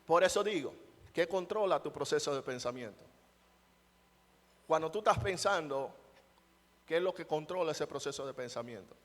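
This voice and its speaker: A man's voice: fairly high pitch, expressive, moderate pace, long pauses. Man preaching in a reverberant church. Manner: rhetorical questions to the congregation, emphatic. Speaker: pastor. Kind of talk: sermon. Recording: long church hall reverb.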